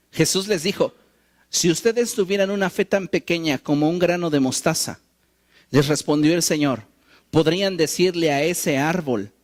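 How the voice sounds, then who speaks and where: A man preaching a sermon, animated and wry, acting out the quoted lines he tells. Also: fairly high pitch. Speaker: pastor.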